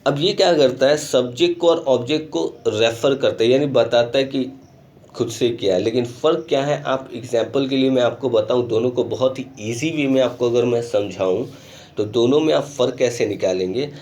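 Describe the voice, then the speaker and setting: A male school teacher giving a recorded online grammar lesson, explaining patiently and mixing English terms into his explanations, often pausing to check in with the class. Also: medium pitch, darkish tone. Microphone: screen recording.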